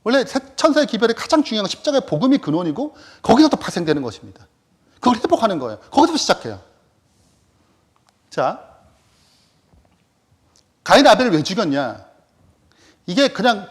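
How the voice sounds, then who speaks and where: A man's voice: high-pitched, sing-song, fairly quick, pauses often, husky. A man giving a Bible study lecture, asking rhetorical questions and then answering them himself. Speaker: Bible teacher.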